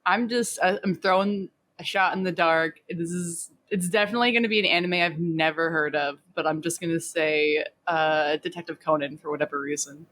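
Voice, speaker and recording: A woman's voice: on the low side, fairly even intonation, normal speed, fairly bright tone. A woman chatting casually as a contestant in a quiz. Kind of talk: casual chat. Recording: clear background noise on mic.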